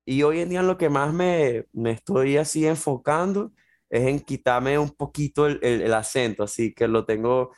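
A man's voice: mid-range voice, normal speed. A man in his twenties from Venezuela with a Venezuelan Spanish accent, chatting casually as a podcast guest and sprinkling in fillers like "bro". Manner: relaxed, chatty, many fillers like "bro" and "este". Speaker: guest, jiu-jitsu athlete.

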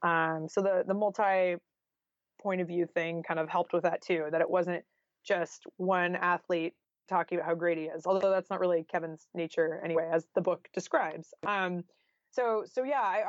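This woman's voice sits on the low side, steady and at a moderate pace, with no room sound. As a nonfiction author giving an interview, she's casual but thoughtful, dropping phrases like "you know" into relaxed conversation, captured in a dry, somewhat dull recording.

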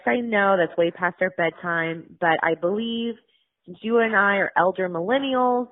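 Chatty woman over a tinny phone line. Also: mid-range voice. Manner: chatty, rambling, self-correcting. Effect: heard over a landline phone. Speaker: podcast co-host. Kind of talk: comedic voicemail message.

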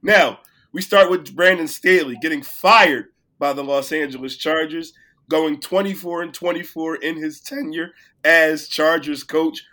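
A man co-hosting a casual sports podcast while sick, his voice cracking, playful and boastful, getting loud when excited. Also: a little high. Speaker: podcast co-host.

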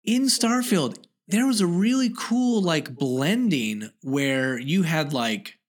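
A man's voice: on the high side, very animated, slow pace. Male co-host, upbeat and easily amused, casual gaming chat. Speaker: podcast co-host.

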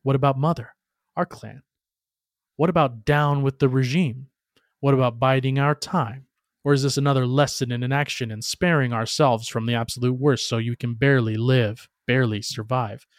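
A man performing scripted dramatic narration as a bitter, bloodthirsty warrior, in a solemn, theatrical and deliberate manner. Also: mid-range voice, steady tone, no echo, clean studio sound. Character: bitter, bloodthirsty alien warrior recounting his past.

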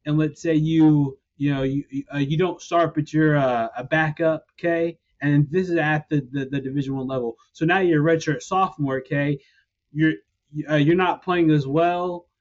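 A man's voice: fairly high pitch, fairly even intonation, normal speed, dull audio. A man hosting a sports podcast, giving his opinions and walking through examples step by step in a casual chat. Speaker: podcast host.

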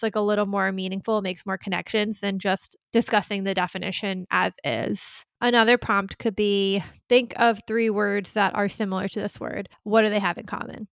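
A woman's voice: medium pitch, dry recording. Chatty woman educator, dry close sound. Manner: chatty, peppered with "like", explains through examples. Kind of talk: casual podcast teaching talk.

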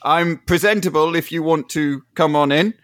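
A man's voice: on the high side, normal speed, a bit bright, no echo, studio quality. A man playing a tabletop game, groaning and grumbling in character as a hungover rogue. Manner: groggy, hungover, swearing and grumbling. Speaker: player. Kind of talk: tabletop role-play in character.

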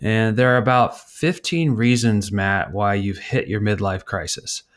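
Lowish, teasing middle-aged podcast host. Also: male voice, a little slow. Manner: teasing, reading articles aloud with asides. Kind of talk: casual comedic chat.

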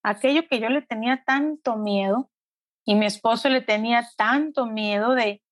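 A woman's voice: on the high side, no echo. Earnest middle-aged mother, dry close sound. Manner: reflective, earnest, often slows down. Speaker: interviewee, mother. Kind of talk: emotional personal testimony.

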